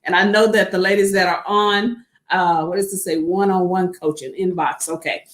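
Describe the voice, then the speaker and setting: A woman's voice: on the low side, fairly even intonation, normal speed. Woman host in an echoey room. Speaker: church program host. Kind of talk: talk show hosting. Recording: roomy echoey sound.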